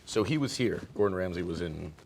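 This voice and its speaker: A man co-hosting a podcast, an animated storyteller in casual chat who laughs often. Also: low-pitched, fairly quick, creaky, a little hiss or hum. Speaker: podcast co-host.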